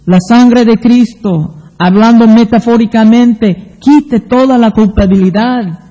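A man delivers a sermon in a very high but mellow voice. He speaks slowly and deliberately, pausing to read Bible passages aloud. His voice rings with a long hall reverb. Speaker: preacher. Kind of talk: sermon with scripture reading.

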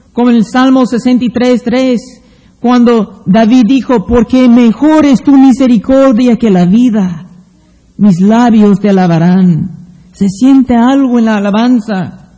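A man preaching a sermon, reading Bible passages aloud in a slow, deliberate way. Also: extremely high pitch, dark tone. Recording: long hall reverb.

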